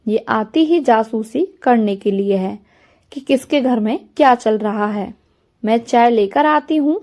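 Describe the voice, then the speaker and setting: A woman's voice: on the high side, measured pace, a little mellow. A woman voicing a kind, doting older mother-in-law who fusses affectionately, in a storybook reading. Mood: dismissive. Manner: affectionate, fussing.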